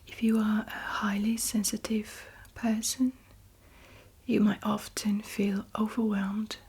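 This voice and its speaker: Speaking in a whisper, a woman guides a meditation at an extremely slow pace, her voice very breathy and soft-edged with little pitch movement. Each short phrase is placed deliberately, followed by long pauses.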